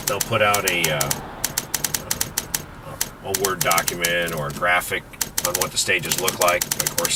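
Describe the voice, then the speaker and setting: A man vlogging casually at an outdoor shooting range, matter-of-factly walking through his plan and counting out shot sequences. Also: low voice. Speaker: competitive pistol shooter and vlogger. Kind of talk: casual on-location walkthrough. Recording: noisy outdoor camera audio.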